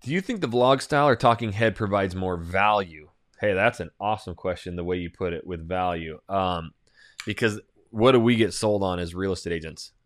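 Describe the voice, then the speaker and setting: A man's voice: low voice, no room sound, clean studio sound. A man, a real estate agent, talking casually and emphatically while answering audience questions, with many fillers.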